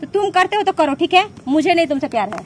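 High-voiced woman scolding a friend outdoors. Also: very animated, fast talker, slight background noise. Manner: insistent, scolding, repeats "ठीक है ना?". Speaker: prank vlog participant. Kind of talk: heated casual argument. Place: outdoors by a road.

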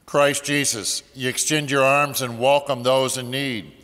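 A man's voice: medium pitch, little pitch movement, a bit bright. Man reciting prayers at a pulpit microphone. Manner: measured, solemn recitation. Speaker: priest. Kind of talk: leading liturgical prayers at Mass. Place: large church. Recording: long church reverb.

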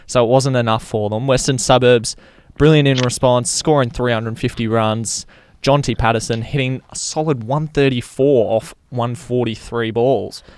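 Smooth-voiced Australian man chatting about sport. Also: medium pitch, dry recording. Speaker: sports podcast co-host. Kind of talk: casual sports chat and match recap.

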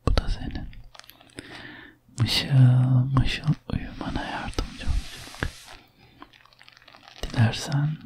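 A woman whispering softly in a soothing ASMR whispered role-play as a massage and sleep therapist. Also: extremely low pitch, steady tone. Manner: whispering, soft ASMR delivery; slow, soothing, hushed.

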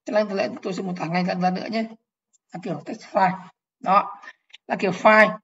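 A woman's voice: mid-range voice, fairly even intonation, a little fast, fairly bright tone, highs cut off. Woman teaching step by step. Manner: explains step by step, repeating phrases and checking understanding. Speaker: programming teacher. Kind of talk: online lecture to teachers.

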